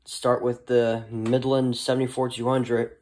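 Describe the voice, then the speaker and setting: In a noisy setting, a man with a mid-range, fairly flat voice shows off his weather radio collection. He's a hobbyist vlogger doing an unscripted, casual showcase, and his delivery is hesitant, halting and rambling.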